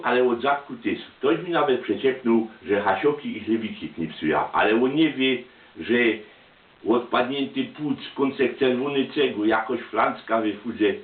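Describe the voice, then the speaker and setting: A man with a Silesian accent telling personal anecdotes in a chatty, colloquial dialect. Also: medium pitch. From Silesia, Poland. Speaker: storyteller, amateur photographer. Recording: tinny, roomy, distant microphone.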